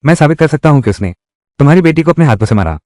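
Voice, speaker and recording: A male voice actor plays a menacing tough guy in a Hindi dub of a live-action revenge drama, threatening and confrontational. His delivery is sing-song, rapid-fire, and mellow, with wide pitch swings, captured in a close, dry studio recording with no room sound.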